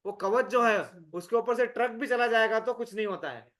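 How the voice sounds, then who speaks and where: A man's voice: very high voice, fairly quick, a bit bright. A man leading an interactive scripture class in a conversational way, quizzing his listeners and repeating words for emphasis. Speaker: scripture study leader.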